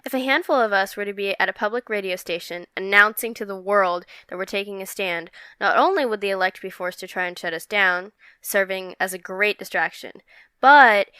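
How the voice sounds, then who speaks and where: A woman's voice: mid-range voice, bright, forceful tone, smooth, no echo, close to an everyday voice. A woman playing a bold, determined young female rebel who speaks confidently and persuasively. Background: music.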